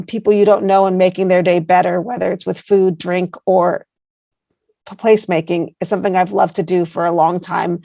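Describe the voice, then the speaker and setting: A woman with an American accent, a placemaking founder appearing as a guest, answers interview questions earnestly with many fillers and rambling asides. Her voice is lowish and warm with vocal fry, in a dry recording.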